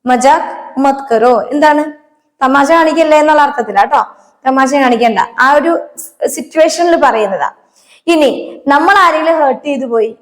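Woman, language tutor; high voice, patient, repeats phrases slowly, echoey room. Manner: patient, repeats example sentences slowly, checks understanding. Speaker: Hindi teacher. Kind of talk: spoken language lesson.

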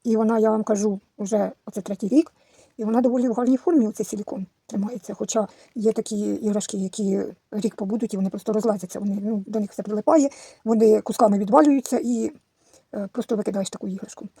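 A woman's voice: medium pitch, fairly even intonation, fast, dark tone, husky, no room sound. A middle-aged woman vlogging at home, cooing doting baby talk to a reborn doll. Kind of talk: casual vlog with a reborn doll.

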